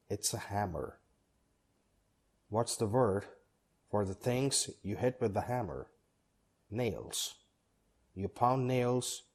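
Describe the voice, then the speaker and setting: Short scripted dialogues for people learning English are voiced entirely by one man, who takes both roles. His voice sits fairly low, and he reads in a calm, measured way.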